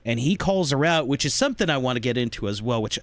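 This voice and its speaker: Brief: male podcast co-host, lively storyteller who acts out scenes, dry close mic. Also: medium pitch, fast, no echo. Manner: animated, acts out scenes in voices. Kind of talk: casual movie discussion.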